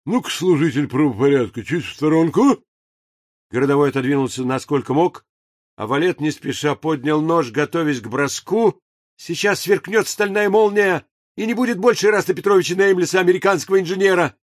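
A man narrating an audiobook in a measured, even storytelling manner. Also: a little high, no echo. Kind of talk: scripted narration. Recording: dry booth recording.

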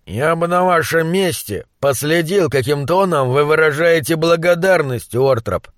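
A man's voice: fairly high pitch, measured pace, no room sound, clean studio sound, close to an everyday voice. A man voicing a pompous, prickly English doctor who talks haughtily. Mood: haughty.

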